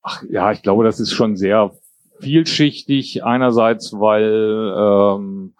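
Slow and fairly even in intonation, this lowish male voice belongs to a fifty-something writer and political columnist being interviewed. Born in Jordan and raised bilingual in England and Germany, he talks hesitantly and reflectively in a casual conversation. There's no echo.

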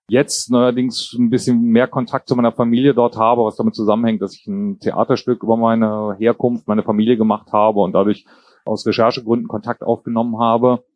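A man in his fifties, a writer and political columnist, speaks reflectively and hesitantly as a guest in a casual interview. Born in Jordan, he grew up in England and Germany, bilingual in German and English. His voice is medium-pitched and darkish, with no room sound.

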